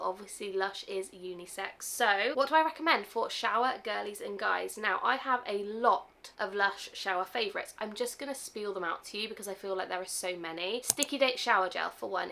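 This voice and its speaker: Woman, beauty vlogger, casual Q&A chat, emphatic and gushing, crisp forward brightness, creaky edges. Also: medium pitch. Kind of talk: casual Q&A video chat to viewers.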